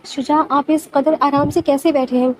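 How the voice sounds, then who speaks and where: A fretful mother begging for her son's safety, voiced by a woman narrator. The voice is high, pleading and anxious. A narrated audio novel with faint background ambience. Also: steady tone, slight background noise, close to an everyday voice. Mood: pleading worried. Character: tearful worried middle-aged mother.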